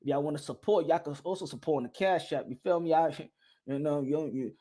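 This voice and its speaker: A man hosting a casual boxing livestream, animated, swinging between loud outbursts and low mumbling, dropping Spanish phrases into his talk. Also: a little fast. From United States. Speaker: boxing commentator.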